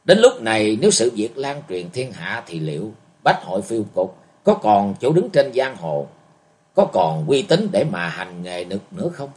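A man narrating a martial arts novel as an audiobook, with expressive storytelling. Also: lowish voice, normal speed.

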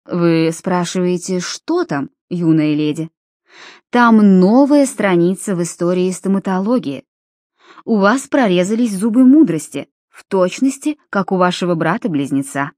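A woman reading an audiobook, voicing a cheerful, smooth-talking middle-aged male dentist in a slightly lowered voice. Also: unhurried, no room sound, studio quality. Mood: jovial. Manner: genial, flattering, slightly lowered voice.

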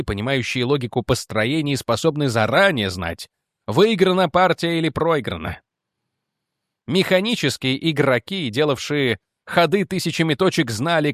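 A male audiobook narrator reads a novel with an animated, wide-ranging voice set rather high for a man. The recording is close-miked and completely dry. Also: no room sound.

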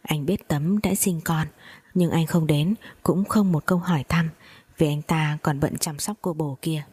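A woman narrating a dramatic first-person family story in a steady reading voice with gossipy asides to listeners. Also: sits low, slightly rough.

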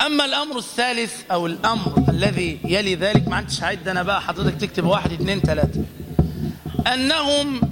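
A man giving a religious lesson, explaining slowly and singing drawn-out example phrases. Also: sits high, in a large hall, very noisy. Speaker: teacher of call to prayer pronunciation.

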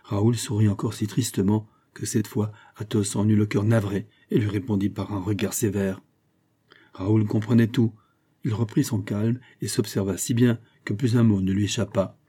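A man narrating a classic novel as an audiobook, in a steady, measured storytelling voice. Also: fairly low pitch, husky. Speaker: audiobook reader.

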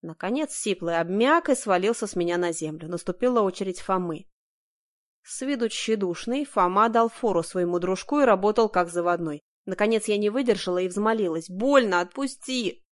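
Brief: woman reading a first-person story aloud, dramatic and emotional, middle pitch. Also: a little fast. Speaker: audiobook narrator. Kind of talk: first-person audiobook narration.

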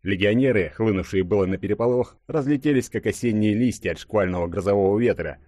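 Low-voiced male audiobook narrator. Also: dark tone, no room sound, studio quality. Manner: dramatic, measured storytelling.

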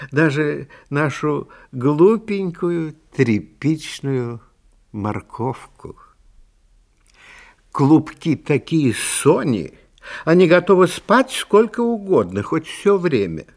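A man with a medium-pitched voice plays a fragile, vain, sentimental Christmas bauble in an audio play for children. He recounts his tale theatrically, genteel and self-pitying, in a weary, wistful mood.

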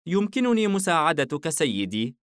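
A man's voice: on the high side, very animated, moderate pace, a bit bright, clear, resonant tone, dry recording, studio quality, voice pushed up. A man voicing a small, shy and polite young woman who helps in a shop, timid and anxious.

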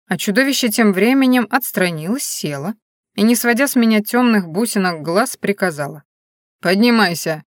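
A woman narrating a first-person story in a wry, expressive way. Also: medium pitch, a little fast, no echo, clean studio sound. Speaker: audiobook narrator.

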